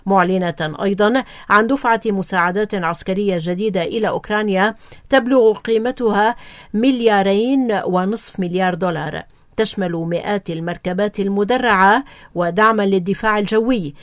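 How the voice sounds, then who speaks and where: A woman reads the radio news in a measured, even manner at a medium pitch. The recording is dry and close, with no room sound. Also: no room sound. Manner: measured, even formal delivery. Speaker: newsreader. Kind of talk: formal radio news reading.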